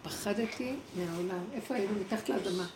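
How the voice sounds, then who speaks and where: A woman giving a spiritual talk, telling a personal story in an animated way and acting out the voices she quotes. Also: mid-range voice, noisy background. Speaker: speaker at a spiritual gathering. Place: evening gathering indoors. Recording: echoey room with clear background ambience.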